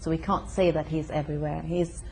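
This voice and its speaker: Young Swedish-born woman, low, warm voice, halting with fillers, faint hiss. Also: level tone, creaky, poor audio. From Sweden. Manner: hesitant, many fillers and pauses. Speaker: interviewee. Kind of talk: casual conversation. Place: her home.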